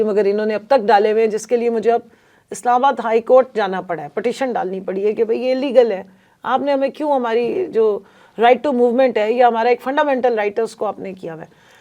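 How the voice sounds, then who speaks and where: A woman's voice: fairly high pitch, mellow. A woman from Pakistan, a politician guest on a podcast interview, telling her story in an emphatic, earnest way.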